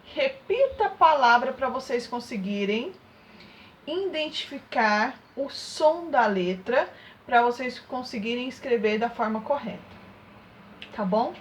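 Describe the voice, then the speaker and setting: A woman's voice: on the high side, expressive, a little slow, slight background noise. A woman teaching young children a remote lesson, sing-song and coaxing, with many check-in questions to her pupils. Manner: sing-song, coaxing questions, exaggerated loud demonstration of sounds. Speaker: primary school teacher.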